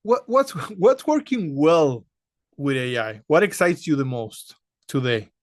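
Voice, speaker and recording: A man's voice: on the high side, lively intonation, a little slow, no echo. Man hosting an interview, dry sound. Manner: short encouraging responses and direct questions. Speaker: podcast host. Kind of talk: interview questions.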